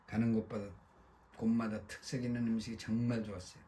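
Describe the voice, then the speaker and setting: A man's voice: fairly low pitch, level tone, quick pace, warm tone, a little hiss or hum, lightly acted. A man reading the part of a friendly American visitor chatting about his travels in Korea. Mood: chatty.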